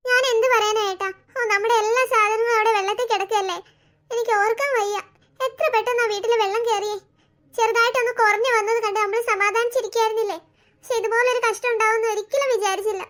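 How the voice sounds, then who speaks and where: A woman's voice: very high-pitched, steady tone, fast talker, fairly bright tone. A woman voicing a worried young mother in a cartoon story, talking in a fretful, complaining way.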